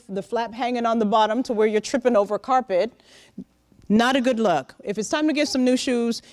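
A middle-aged woman giving a lively, direct motivational talk to young interns in a large conference room, speaking into a handheld microphone. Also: a little high, no echo, studio quality. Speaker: workshop speaker. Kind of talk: motivational professional-development talk.

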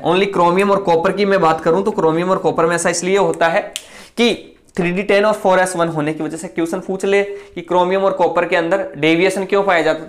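A male chemistry teacher speaking in a fairly high voice, moving quickly through an online lecture. He explains step by step, keeps posing questions to his students and then answers them himself.

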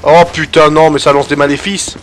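Guy narrating his game run, fairly high voice, swears a lot, game audio loud in the background. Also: moderate pace. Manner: excitable, swears often, talks to viewers. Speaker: gaming channel host. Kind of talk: live gameplay commentary. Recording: loud game sound over the voice. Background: game audio and noise.

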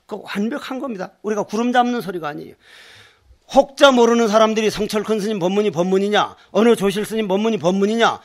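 A man's voice: high-pitched, a bit bright. An older male Buddhist monk giving a dharma talk, telling folksy stories, acting out dialogue and repeating words for emphasis. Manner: folksy storytelling, acts out dialect voices, emphatic repetition. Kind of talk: sermon.

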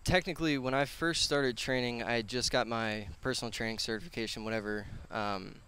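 This podcast guest, a personal trainer in his twenties who owns a gym, speaks brisk and fairly even in a mid-range voice that's bright, forceful and clean. His casual, earnest talk rambles with slang, captured on a headset mic on an outdoor concrete patio.

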